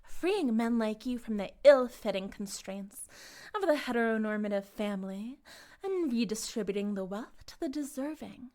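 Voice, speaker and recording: In a dramatic audio roleplay, a woman plays a charismatic cult leader, smugly menacing and self-righteous. Her slightly high voice has lively intonation, a warm tone and a moderate pace, close to an everyday voice, yet her speech is pompous, articulate and condescendingly persuasive.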